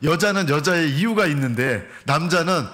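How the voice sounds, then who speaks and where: A man's voice: fairly high pitch, animated, moderate pace, a bit bright. A middle-aged man preaching a Sunday sermon as a pastor, joking and acting out arguments between husbands and wives. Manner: humorous, acts out husband and wife dialogue. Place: church sanctuary.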